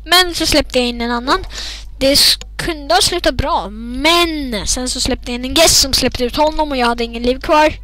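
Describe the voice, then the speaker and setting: High, bright-voiced woman gaming host. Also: low-quality recording. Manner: expressive, dramatic. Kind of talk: gameplay commentary.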